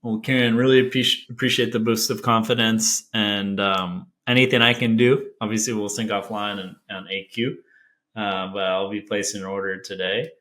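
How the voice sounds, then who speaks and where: A man hosting a conversational business interview, halting and rephrasing as he builds his questions. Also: fairly low pitch, steady tone, fairly bright tone. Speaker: interview host.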